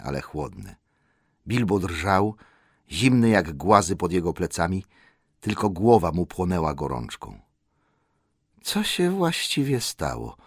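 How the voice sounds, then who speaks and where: A man with a deep voice reads a storybook aloud, expressive and full of movement in his pitch. The recording is dry and close, with no room sound. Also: dry recording. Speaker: audiobook narrator. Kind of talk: scripted narration.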